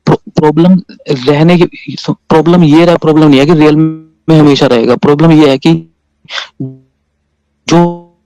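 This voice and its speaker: A man arguing his point in a debate, halting and repeating himself over a crackly phone line that keeps cutting out. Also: a little high, fairly even intonation, dark tone. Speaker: guest in a religious debate. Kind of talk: call-in debate.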